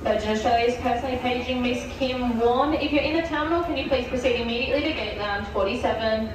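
A woman's voice: a little high, fast talker. A woman making a formal paging announcement over an airport terminal public address system. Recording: echoey distant terminal loudspeaker with background noise.

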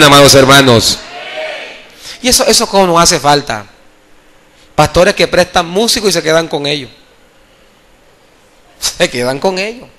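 A male evangelist preaching a sermon at a church convention, impassioned, calling for applause and swinging between loud and soft. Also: fairly high pitch.

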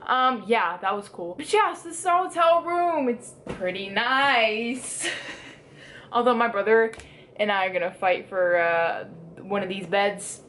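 Filming herself at arm's length as she moves through a resort hotel's room and grounds, a teenage girl keeps up a chatty, giggly vlog. Her voice is medium-pitched and fairly bright, a little slow, and there's slight hiss or hum.

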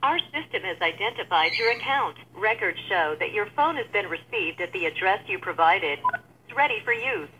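A woman's voice: medium pitch, normal speed, breathy edge. A woman's voice on a recorded phone message, giving a formal, scripted account announcement. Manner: even, formal, scripted delivery. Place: heard through a phone on a vlogger's call. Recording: muffled phone line.

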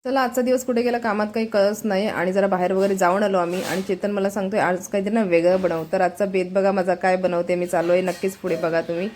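A woman's voice: medium pitch, little pitch movement, fast, few pauses, a little mellow. A woman chatting to viewers in a casual home vlog, showing what she cooks. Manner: chatty, addresses viewers as friends, shows food. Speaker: vlogger. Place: home kitchen. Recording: home video with noise.

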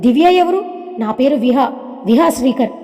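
A woman's voice: high voice, lively intonation, moderate pace, mellow. A woman voicing a young woman who protests indignantly and tearfully that she is being wronged, in a storybook with long reverb. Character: young woman insisting on her identity.

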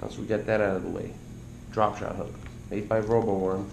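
A man's voice: lowish voice, fairly quick, creaky. A man in his thirties hosting a fishing channel, rambling through a casual tutorial at his kitchen table, recorded on a camera set on the table. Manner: rambling, relaxed, explains as he goes. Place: indoors at a kitchen table by a window. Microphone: camera on the table close to him. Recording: echoey room with background noise.

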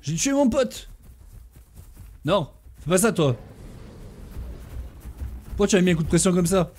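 A young man giving excitable, slangy live commentary while playing a video game, often calling out to other players. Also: sits high, a little slow. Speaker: gaming streamer.

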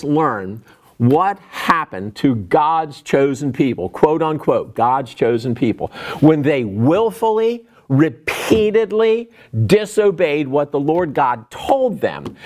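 A middle-aged man teaches a Bible lesson to children, speaking in a fairly high voice. He tells stories with lots of animation and acts out the lines he quotes. His pitch swings widely as he talks.

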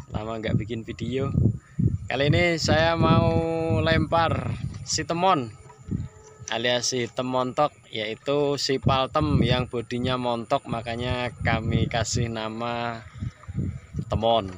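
A man chatting casually in a vlog outdoors in a rice field, breaking into coaxing high calls to his pet bird. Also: background noise. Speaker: bird keeper vlogger.

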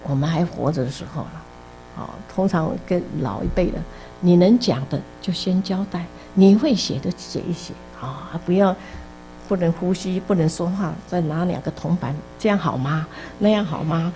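A woman's voice: fairly low pitch, moderate pace, warm tone, soft background music, low-quality recording. A middle-aged woman from Taiwan, teaching a casual Buddhist class in a chatty storytelling way, full of interjections. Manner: chatty storytelling, many interjections, laughs at own jokes. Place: basement classroom.

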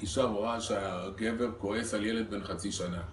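Rabbi preaching in an echoey hall. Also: male voice, on the low side, slight background noise. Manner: lively teaching, rhetorical questions to the audience. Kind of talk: Torah lesson to a congregation. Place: synagogue hall. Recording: echoey hall recorded from a distance.

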